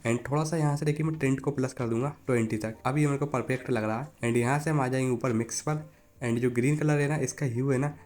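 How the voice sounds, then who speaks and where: A man's voice: medium pitch, darkish tone. A man hosting a phone photo editing tutorial, talking viewers through each step in a casual, chatty way. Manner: casual and chatty, calls viewers "buddy" (यार); instructive, repeatedly tells viewers to look. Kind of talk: step-by-step app tutorial narration.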